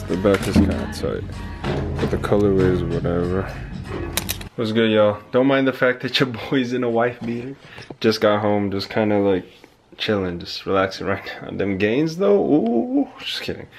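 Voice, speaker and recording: A young man in a casual thrift vlog, talking in relaxed slang about clothes he found. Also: fairly low pitch. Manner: laid-back slangy chatter. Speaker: thrift vlogger.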